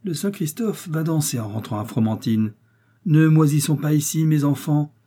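A man's voice: fairly high pitch, moderate pace, dark tone, slightly rough, voice pushed up. Man doing a blustering grumbling pharmacist. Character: grumbling middle-aged male pharmacist, blustering.

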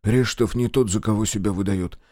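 A man voicing a fussy, excitable male quartermaster with a high, pleading voice. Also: a little fast, no echo, clean studio sound, close to an everyday voice. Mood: warning. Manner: high-pitched, flustered, pleading.

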